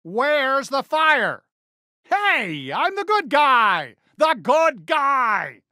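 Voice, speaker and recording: A man voicing a friendly toy cowboy sheriff for a video game, with an American accent and a folksy, eager, expressive drawl. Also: very high voice, very slow, no echo, clean studio sound, full character voice. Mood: alarmed, reassuring. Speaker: video game character greeting players. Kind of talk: animated game voice lines.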